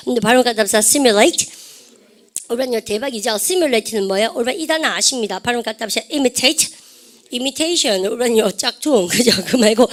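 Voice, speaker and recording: A woman with a fairly high voice teaches English vocabulary as a lecture. She keeps firing questions at her students and has them repeat each word after her. She slips back and forth between Korean and English. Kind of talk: classroom lecture.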